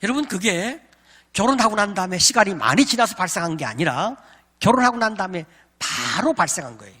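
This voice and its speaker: In a large hall, a middle-aged professor lectures on marriage and tells a personal story, animatedly acting out his own inner thoughts as he goes. His voice is high, brisk and slightly rough.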